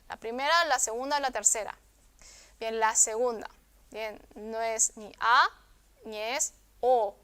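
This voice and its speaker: A woman teaching a recorded video lesson, patient, often checking in with the viewer and repeating words slowly. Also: fairly high pitch, a bit bright, clear, resonant tone. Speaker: language teacher.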